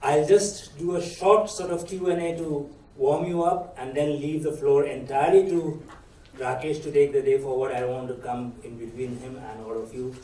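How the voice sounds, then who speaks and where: A man, briskly and courteously introducing a guest as moderator of a masterclass. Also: mid-range voice, steady tone, warm tone. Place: large festival hall. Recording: echoey hall, mic at a distance.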